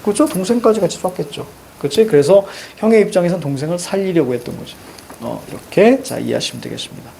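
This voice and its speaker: A man's voice: sits high, lively intonation, fast, vocal fry, dark tone, slight background noise. A middle-aged male teacher explains a story to students, marking up the text and asking rhetorical questions. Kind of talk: literature lecture.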